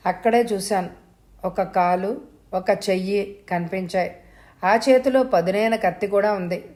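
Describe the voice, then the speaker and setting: A woman voicing a frightened, shaken young woman in an audio story, giving hushed, uneasy replies. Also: medium pitch, a little slow, close to an everyday voice.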